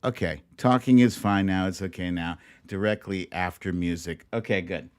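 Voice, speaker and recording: A middle-aged man hosts a livestream from a laptop setup with a streaming mic, chatting casually and directly to viewers in a rambling way. His deep, clear, resonant voice moves at a moderate pace, and the studio sound is clean with no echo.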